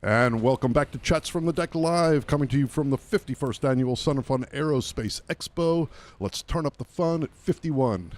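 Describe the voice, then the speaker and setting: A man's voice: medium pitch, normal speed, darkish tone. Upbeat male radio host. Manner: upbeat, laughs easily. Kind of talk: live radio hosting.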